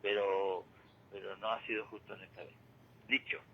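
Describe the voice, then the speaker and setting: Over a dull, faintly noisy phone line, an older male caller shares his views on a local radio show. His voice is fairly low, gravelly and a bit breathy, with little pitch movement at a normal speed, and he keeps repeating himself emphatically while seeking agreement.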